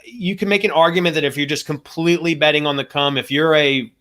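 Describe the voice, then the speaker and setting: A man's voice: a little high, fairly even intonation, fast talker, pushed and bright. A man co-hosting a podcast in casual analytical chat, methodically running through numbers and hedging as he thinks aloud. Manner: methodical, runs through stats and contract figures. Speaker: podcast co-host.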